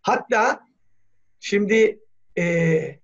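A man's voice: sits high, animated, very slow, creaky. A man speaking as a language scholar in an academic meeting, talking thoughtfully with many hesitations. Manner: thoughtful, hesitant, frequent "e" fillers, spells words letter by letter. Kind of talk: academic discussion on a video call. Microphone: video call. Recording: dull lo-fi video call audio.

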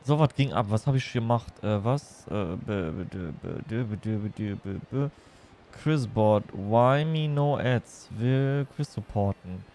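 A man's voice: lowish voice, measured pace, a little mellow, a little hiss or hum. A man chatting casually and playfully as he livestreams a game, rambling from one thing to the next. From Germany. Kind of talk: casual chat while streaming a game.

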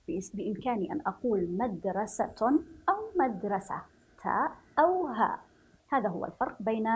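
Husky woman teaching young children. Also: medium pitch, a little mellow, low-quality recording. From Yemen. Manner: slow, clearly spelled out, questioning the class. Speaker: primary school teacher. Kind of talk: children's reading lesson.

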